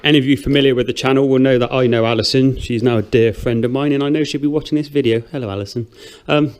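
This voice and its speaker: A man's voice: mid-range voice, steady tone, fast talker, a little mellow, smooth. A middle-aged man, chatting casually with dry sarcasm while filming a house renovation. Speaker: renovation vlogger. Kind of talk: casual vlog narration. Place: house under renovation, indoors.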